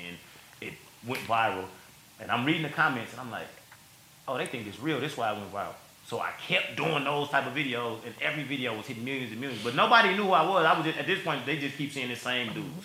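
Fast-talking, emotional man in a roomy space. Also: mid-range voice, pushed and bright, slight background noise. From Milwaukee. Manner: emotional, laughing through tears, slangy. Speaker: content creator telling his story. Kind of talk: casual interview storytelling.

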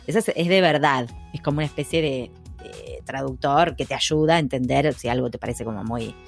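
A woman's voice: very deep voice, fairly quick, vocal fry, faint music behind. A woman with a Rioplatense Spanish accent, co-hosting a casual chat, playful and laughing often. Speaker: podcast co-host.

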